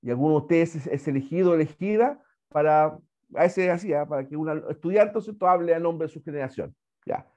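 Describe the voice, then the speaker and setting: A man's voice: a little high, a little fast, warm tone. A Chilean man teaching an online language class, chatty and repetitive, often checking in with "¿ya?". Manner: chatty, repeats words, asks "¿ya?" often.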